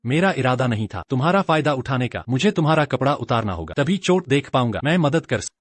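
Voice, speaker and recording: A man's voice: mid-range voice, big pitch swings, brisk, no room sound. A man voicing a jittery young disciple. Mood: nervous. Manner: jittery, stammering when scared. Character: young male disciple, cowardly and cheeky. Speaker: sect disciple. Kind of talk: dubbed fantasy drama.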